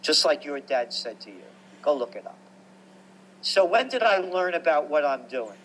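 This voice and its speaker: A man, telling stories about his life as a guest in an animated, emphatic way. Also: a little high, moderate pace, slight background noise, rough recording. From New York. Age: 60s. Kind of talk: conversational storytelling.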